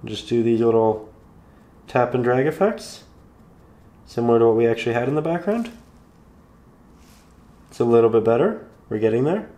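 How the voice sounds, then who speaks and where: A man calmly guiding viewers through a step-by-step painting tutorial, slightly hoarse, in an unhurried, encouraging way. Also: mid-range voice. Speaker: painting instructor.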